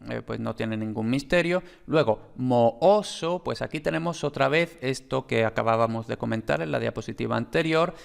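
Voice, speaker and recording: A man's voice: mid-range voice, vocal fry. A man teaching a phonetics lesson over slides, hesitant, with many fillers and repeated points.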